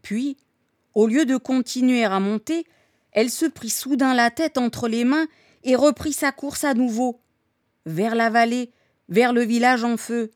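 A woman's voice: fairly high pitch, no echo. Woman reading a novel aloud, dry sound. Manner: steady, measured storytelling. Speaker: reader.

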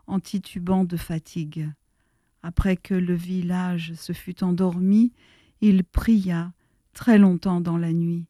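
A woman reading a story aloud as narrator in a measured, solemn way. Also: on the low side, warm tone, no echo, clean studio sound.

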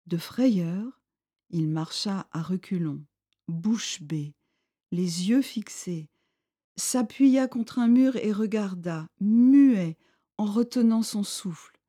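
A woman giving a slow, expressive live reading of a novel. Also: medium pitch. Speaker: reader.

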